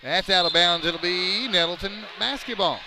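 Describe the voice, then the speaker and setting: Play-by-play man, high voice, noisy gym, excited calls on big plays. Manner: rapid excited calls that rise on big plays, joking banter in lulls. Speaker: play-by-play announcer. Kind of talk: live basketball commentary.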